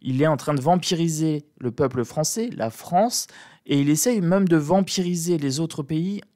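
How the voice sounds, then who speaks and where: A man with a soft, sleepy morning voice, thinking aloud in casual commentary as he reads tarot cards, repeating points for emphasis. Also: a little high, normal speed, no echo, studio quality. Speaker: tarot reader commenting on politics. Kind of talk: casual spoken commentary during a card reading.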